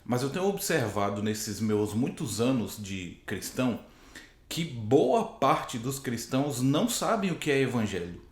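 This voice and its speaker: A hoarse man teaching from the Bible to camera, explaining patiently and rephrasing his points with frequent "né?". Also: medium pitch, big pitch swings, unhurried. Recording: very echoey room.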